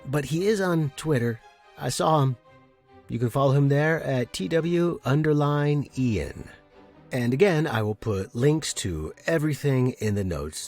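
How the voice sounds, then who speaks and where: The podcast host and story reader has a medium-pitched, slightly mellow voice with a breathy edge. He opens his fiction podcast with relaxed chat before reading a story aloud with dramatic narration.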